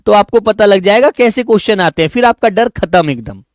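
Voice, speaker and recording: A man's voice: high-pitched, animated, a little fast, no echo, studio quality. A man teaching an online exam-prep class. He lists example words one at a time, calls his students his children and keeps checking "is it not?".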